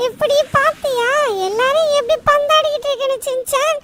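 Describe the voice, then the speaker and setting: Brief: a boastful possessed cartoon boy, very high and squeaky, distant in loud game noise. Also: fairly even intonation, fairly quick. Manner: boastful, threatening, shouting at others. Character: small cartoon boy's body ruled by an evil power, boastful.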